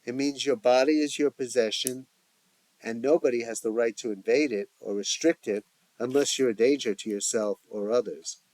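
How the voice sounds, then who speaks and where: A man's voice: mid-range voice, moderate pace, a little mellow, no echo, natural voice. A man voicing a cheeky, mischievous teenage boy in a family audio story. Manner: cheeky, teasing.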